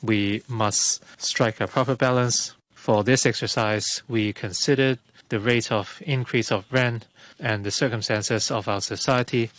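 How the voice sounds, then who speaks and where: A man with a fairly low voice acting as a live interpreter, rendering an official's words in a measured, deliberate delivery. The sound is dry and close, with no room around it. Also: fairly bright tone, no echo, low-quality recording. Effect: live interpreter voice speaking over an official. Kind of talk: simultaneous translation of an official's remarks.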